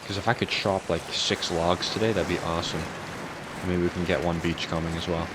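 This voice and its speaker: A man giving calm, unhurried game commentary, musing to himself in a low voice fresh from sleep. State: morning voice, recently woken. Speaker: gaming channel host. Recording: clear steady background ambience noise.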